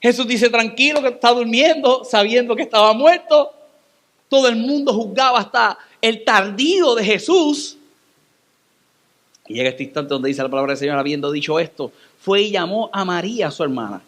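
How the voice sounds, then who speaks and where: A Puerto Rican pastor preaching in church, his voice sitting high for a man. He tells the story dramatically, leaping up and down in pitch as he acts out every turn. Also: normal speed. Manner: dramatic, animated storytelling with sudden pitch swings. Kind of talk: sermon.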